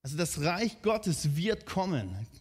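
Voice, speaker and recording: A man's voice: fairly high pitch, very animated, takes it slowly, husky. A man preaching a sermon in a conversational way, often asking his listeners direct questions.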